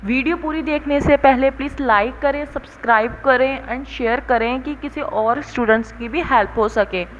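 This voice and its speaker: A young woman explains exam tips in a relaxed, chatty lesson, sprinkling English words into her Hindi and pausing for a quick "theek hai". Her voice sits a little high. The recording is slightly dull, with faint noise in the room behind her. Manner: repeats "theek hai" as a check-in; mixes English terms into Hindi. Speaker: exam coaching tutor. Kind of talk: casual spoken lesson.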